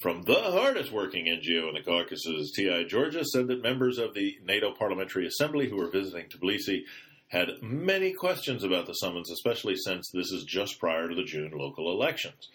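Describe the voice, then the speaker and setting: A man with a deep, bright, forceful voice reads the week's news for a podcast. He talks into a computer mic with loose, chatty asides and stops to fix his own slips. The delivery is casual rather than polished. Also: big pitch swings, a little fast. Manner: chatty asides, self-corrects with ums.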